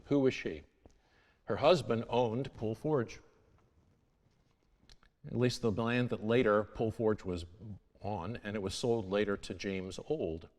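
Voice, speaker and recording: Taking it slowly and pausing often, a man with a darkish voice on the low side gives an informal history talk in a church, stopping to correct himself and start over. The sound carries a long church reverb.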